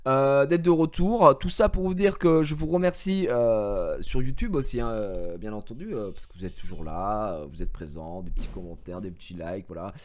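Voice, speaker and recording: A man in his thirties, a streamer chatting casually to his viewers, telling stories in an animated way and swearing freely. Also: lowish voice, normal speed, hardly any pauses. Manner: animated storytelling, swears freely, mocks others in raised voice. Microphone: gaming headset.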